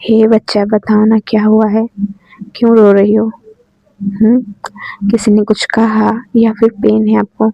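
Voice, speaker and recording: A woman's voice: medium pitch, completely flat delivery, measured pace, creaky, long pauses, no echo. A woman voicing a caring young woman who coaxes her partner with many questions, on a dull, dry lo-fi recording. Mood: pleading. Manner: coaxing, asks many questions at once.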